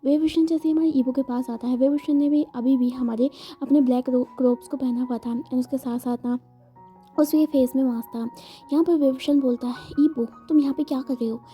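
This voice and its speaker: A woman's voice: sits high, fairly even intonation, a little fast, warm tone. A woman narrating a story in a chatty, casual way, often correcting herself. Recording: dull lo-fi sound, faint music.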